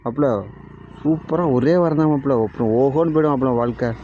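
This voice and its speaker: A man's voice: fairly high pitch, brisk, phone-quality sound, a little hiss or hum. A young man with a Tamil Nadu village accent in a casual comedy skit, talking in a coaxing, persuasive way.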